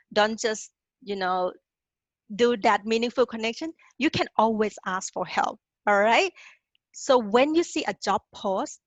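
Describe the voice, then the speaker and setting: A woman from Thailand, speaking at medium pitch in a recording free of room sound, leads a career webinar for international students. She coaches them directly and encouragingly, frequently checking in by ending lines with "okay?"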